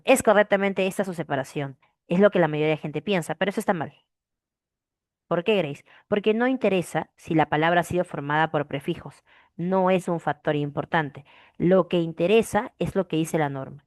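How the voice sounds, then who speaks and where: A woman teaches a grammar lesson in a slightly low voice. She repeats each rule several times and keeps checking that her students follow along. The recording is dry and close. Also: no room sound. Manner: repeats key phrases, asks frequent "¿de acuerdo?". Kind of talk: classroom language lesson.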